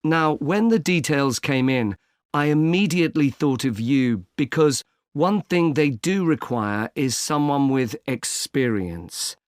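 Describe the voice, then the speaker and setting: A man playing a polite employment agency consultant in a scripted exam dialogue, speaking in a measured way and spelling words out slowly. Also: medium pitch, animated, no echo, clean studio sound, lightly acted. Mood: calm. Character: helpful male recruitment agent, patient and polite.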